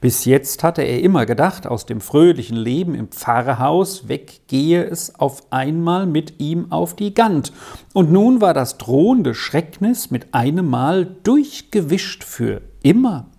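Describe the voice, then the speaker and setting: Slow warm storyteller reading an old kids' book, calm and even. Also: medium pitch, gravelly. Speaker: narrator. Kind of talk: audiobook narration of a classic children's story.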